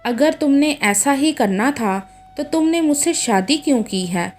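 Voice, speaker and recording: A woman's voice: high voice, animated, unhurried, a little mellow, faint music behind, voice pushed up. A woman voicing a young wife, pleading and accusing in a read-aloud story. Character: young wife, jealous and heartbroken.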